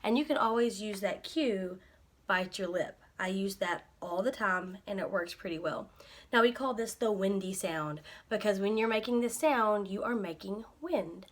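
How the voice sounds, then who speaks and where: A woman's voice: mid-range voice, moderate pace. A young adult woman, a speech-language pathologist, walks through articulation cues in a plain instructional way. She keeps stopping to model the target sounds herself, repeating short syllables so the listener can follow. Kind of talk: instructional explanation.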